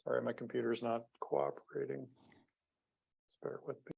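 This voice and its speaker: A man's voice: medium pitch, level tone, vocal fry, slightly rough. Man in a dull, screen-recorded webinar call. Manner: halting, many "uh" and "um" fillers. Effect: screen-recorded webinar audio over a video call. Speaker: webinar presenter. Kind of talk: webinar product presentation. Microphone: computer mic on a video call. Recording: dull lo-fi video call audio.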